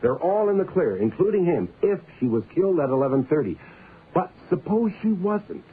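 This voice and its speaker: An actor playing a gruff, skeptical police inspector with a blunt, insistent manner in a radio detective drama. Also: male voice, on the high side, very animated, moderate pace, heavily acted. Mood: hard-nosed, skeptical. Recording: lo-fi, noisy old radio recording.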